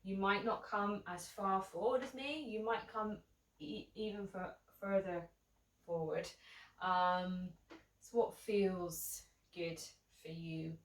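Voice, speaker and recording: A woman teaching a seated yoga class, talking gently and casually, with many ums. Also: mid-range voice, fairly even intonation, takes it slowly, reverberant, distant mic, poor audio. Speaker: yoga instructor. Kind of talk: guided seated yoga instruction.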